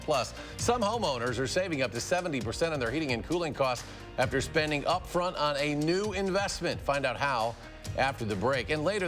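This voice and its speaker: A man's voice: mid-range voice, fairly bright tone. A man anchoring a local newscast, reading scripted headlines and teasers. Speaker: news anchor. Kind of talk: broadcast news anchoring, scripted.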